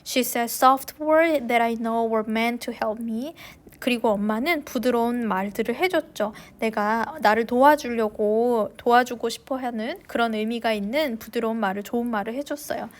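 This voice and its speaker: Woman teacher reading aloud in class. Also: on the high side. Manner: slow and clear in English, quicker in Korean. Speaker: English teacher. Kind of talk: reading a novel aloud and translating.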